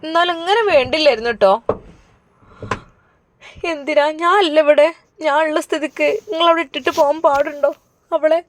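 A woman voicing a worried, tearful middle-aged mother with a Malabar Malayalam accent, pleading and high. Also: normal speed, long pauses, a little hiss or hum, natural voice. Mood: reproachful. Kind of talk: storybook narration.

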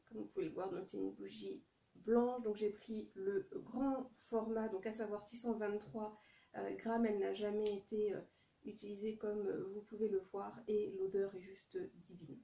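A woman's voice: medium pitch, fairly even intonation, creaky, mellow, reverberant. A French-speaking woman filming a casual haul vlog, talking in a chatty, hesitant way with many fillers. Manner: reads English product names in a deliberate French accent. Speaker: vlogger showing a haul.

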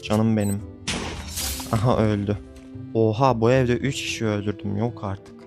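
A man's voice: on the low side, steady tone, measured pace, a little mellow, soft background music. Exasperated young man narrating his game. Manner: exasperated, grumbling, venting at the game. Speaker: gaming YouTuber. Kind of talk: frustrated live game commentary.

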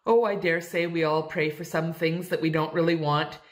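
A woman reading aloud, voicing a patient, candid older aunt in a measured, plaintive way. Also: low-pitched, fairly even intonation, natural voice. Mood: wry.

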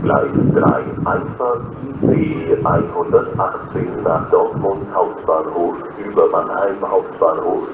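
A man reads a flat platform announcement as a railway station announcer, in a measured, formulaic delivery. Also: low-pitched. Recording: echoey, muffled lo-fi station loudspeaker, noisy.

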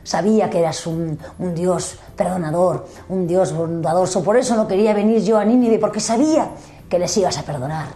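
A woman from preaching an earnest devotional sermon, often sinking into hushed near-whispers, with soft music underneath. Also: fairly low pitch, normal speed.

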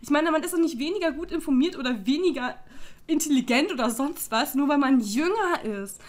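High-voiced young woman ranting. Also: animated, fairly quick. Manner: heated, exasperated ranting; talks directly to viewers. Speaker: YouTuber. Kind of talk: casual vlog rant.

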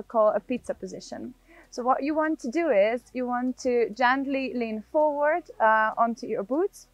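A woman's voice: a little high, no room sound. A young woman, a ski instructor, explaining technique step by step in an outdoor tutorial. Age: young adult. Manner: step-by-step, often checking with "yeah?". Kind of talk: instructional tutorial presented to camera. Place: outdoors on a snowy ski slope. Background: background music.

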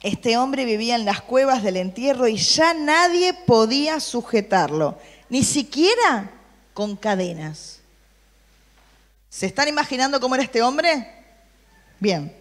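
A woman's voice: fairly high pitch, a little slow, long reverb tail. A woman preaching to a youth group, reading Bible verses and asking the listeners questions. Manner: lively, asks the room questions, reads Bible versions aloud.

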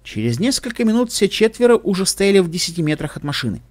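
A man reading an audiobook aloud in an expressive storytelling manner. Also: high voice, fast. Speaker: audiobook reader. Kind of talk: audiobook narration.

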